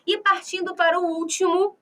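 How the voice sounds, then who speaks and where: A woman's voice: very high-pitched, little pitch movement, bright, forceful tone, recorded from a distance. A Brazilian woman teacher with a Rio de Janeiro accent, explaining poetry in a recorded lesson and often checking in with "né?" and "tá?". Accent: Rio de Janeiro Portuguese. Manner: explanatory, asks rhetorical questions, frequent "né?" and "tá?"; slow, drawn-out reading of verses. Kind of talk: recorded exam-prep lecture.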